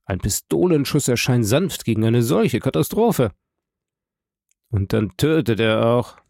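A man voicing an ironic male society gentleman in an audiobook, emphatic and wry. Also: medium pitch, expressive, measured pace, vocal fry, dry recording, studio quality.

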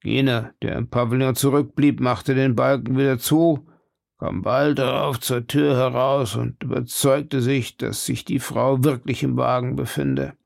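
A man reading a classic novel aloud in steady, measured scripted narration. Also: medium pitch, vocal fry, dry recording, clean studio sound. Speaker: audiobook narrator.

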